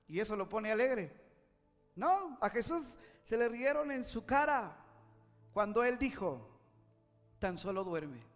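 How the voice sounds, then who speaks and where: A man's voice: extremely high pitch, fairly bright tone, long reverb tail. A man preaching a sermon, retelling scripture stories with acted quotes, rising and dropping in intensity.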